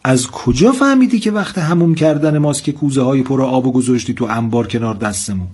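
A man voicing a soft-hearted, naive villager in a spoken folktale, talking in a tender, pleading way. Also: medium pitch, lively intonation, breathy edge.

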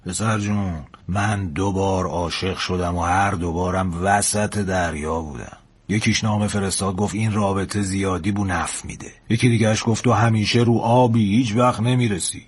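A man's voice: low voice, fairly even intonation, slightly rough. A man playing a wistful fatherly old sailor. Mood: reminiscing. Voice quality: slow, drawn-out phrasing. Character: fatherly older male sailor, wistful and wise. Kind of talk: storybook character voice.

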